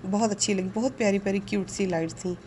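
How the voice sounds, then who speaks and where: A woman with a soft, mellow narrates her shopping vlog in an earnest, courteous way. She pauses with small fillers as she talks. A faint hiss sits under her voice-over, which was recorded at home. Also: mid-range voice. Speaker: vlogger.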